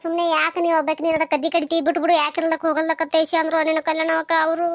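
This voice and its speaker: A woman's voice: very high-pitched, completely flat delivery. A woman voicing a fretful, complaining middle-aged village mother in a cartoon, with a North Karnataka Kannada accent and a scolding, lamenting way of talking. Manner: scolding, lamenting, talks fast.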